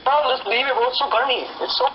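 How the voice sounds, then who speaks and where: A man's voice: very high-pitched, fast talker, over a noisy crowd. A young man joking around in crude banter over a video call, his voice coming through glitchy and warbling. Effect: glitchy, warbling video-call audio. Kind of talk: casual chat. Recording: lo-fi call audio with background noise.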